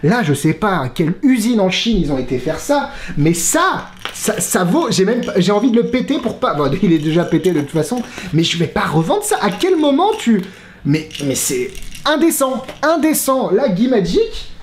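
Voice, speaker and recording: A man's voice: high-pitched, sing-song, normal speed, slight background noise. A man reviewing a magic trick in casual spoken French, exasperated, swearing and laughing as he talks. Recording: roomy echo.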